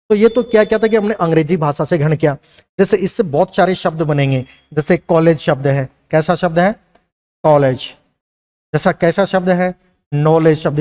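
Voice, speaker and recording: A man's voice: fairly high pitch, a little mellow. A man teaching a Hindi language lesson, who asks questions and answers them himself and repeats key lines. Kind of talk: classroom lecture.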